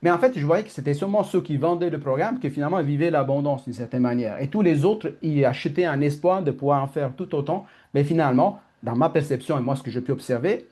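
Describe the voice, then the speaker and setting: Italian-accented guy rambling fast through a personal story, keeps correcting himself, mellow warm voice. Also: medium pitch. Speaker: personal growth teacher. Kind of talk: candid storytelling talk.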